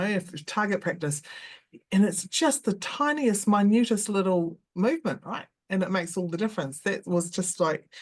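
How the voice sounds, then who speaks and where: Chatty New woman hosting. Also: mid-range voice. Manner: friendly, chatty, laughs easily. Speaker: podcast host. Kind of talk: podcast interview.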